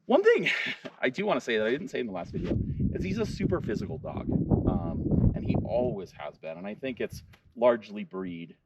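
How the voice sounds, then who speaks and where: A man on his ranch, casually explaining how he trains his dog, with bursts of high praise for the dog. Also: wildly swooping pitch, brisk, gravelly, far from the mic, lo-fi sound, heavy background noise. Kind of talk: casual vlog narration and dog commands. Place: outdoors on a ranch.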